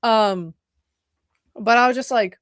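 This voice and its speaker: A woman's voice: on the high side, slow, no echo, clean studio sound. A young woman streaming from home, chatting casually in a rambling, profane way, often cutting herself off and apologizing mid-thought. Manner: rambling, profane, self-interrupting, apologetic asides. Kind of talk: casual livestream chat.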